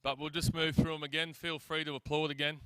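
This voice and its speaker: An Australian MC at a school sports awards night chats chummily with guests in a hall, dropping "mate" again and again. He talks fast in a clean, slightly bright voice on the high side, with little pitch movement.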